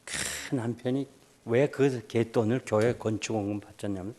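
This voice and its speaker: An older man preaching a revival sermon as pastor, urging loudly one moment and telling a story softly the next. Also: mid-range voice, fairly even intonation, normal speed. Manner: emphatic, swings between loud urging and soft storytelling.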